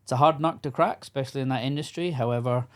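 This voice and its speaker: A fast-talking man with a mid-range voice, middle-aged and from Scotland, is a guest on a podcast. He coaches construction workers and, in this casual interview chat, comes across as frank and earnest, with many fillers and restarts.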